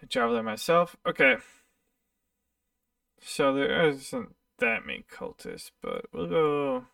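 Casual game master, gravelly and animated, far-off dry mic. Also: mid-range voice, slow pace, no room sound. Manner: casual, filler-heavy, restarts. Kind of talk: narrating a tabletop game.

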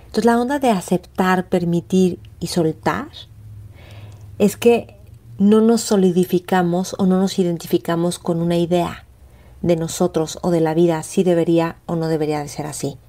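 A woman's voice: lowish voice, moderate pace. A woman, hosting a motivational talk and acting out the inner voices she describes. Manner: expressive, acts out inner voices. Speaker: host.

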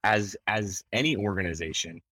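Deep-voiced enthusiastic male host. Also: moderate pace, no echo. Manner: warmly enthusiastic, cheering the guest on. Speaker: podcast host. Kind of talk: interview.

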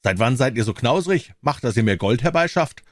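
A bold young soldier from a read-aloud fairy tale, defiant and mocking, voiced by a man. The voice sits higher than a deep reader's usual tone and moves lively. It is recorded close and dry. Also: fairly quick, dry recording, lightly acted.

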